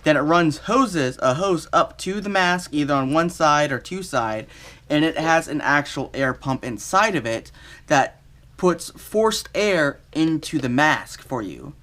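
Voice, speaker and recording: A man giving a casual, unscripted product review in a halting, think-aloud way. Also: a little high, lively intonation, sharp tone.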